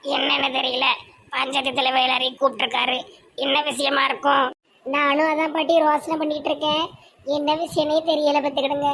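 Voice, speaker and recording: Cartoon village gossip, a woman doing a chatty village woman, Tirunelveli accent, high flat voice, teasing tone. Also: fairly quick. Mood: puzzled. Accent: Tirunelveli Tamil. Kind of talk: cartoon voice acting.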